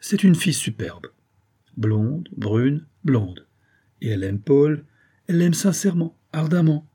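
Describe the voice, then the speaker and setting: A man reading an audiobook and voicing a loyal gentleman baron who explains matters calmly and persuasively. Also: fairly high pitch, measured pace, slightly rough, pitched above the performer's own voice, heavily acted.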